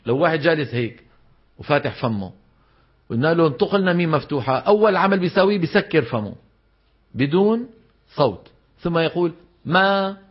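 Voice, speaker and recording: A man's voice: a little high, slightly rough. A man with a Levantine Arabic accent teaching a class on Quran recitation. He quizzes his students with questions and demonstrates the sounds aloud. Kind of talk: classroom lecture. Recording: dull lo-fi lecture recording.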